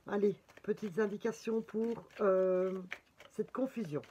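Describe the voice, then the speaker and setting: A woman's voice: mid-range voice, unhurried, muffled recording, very noisy. A woman with a Belgian French accent giving a casual horoscope reading with cards, chatty and full of fillers and exclamations. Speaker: tarot reader.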